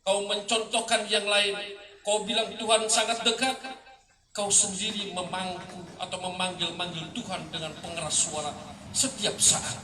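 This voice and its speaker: A man with a high voice declaims a poem with passion, swelling and sinking line by line. He is heard from a distance in an echoing room, with clear background noise around him. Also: flat delivery, moderate pace. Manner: impassioned, rising and falling with the lines. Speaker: poetry reader. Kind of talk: dramatic poetry recitation. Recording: echoey room, distant mic, noisy.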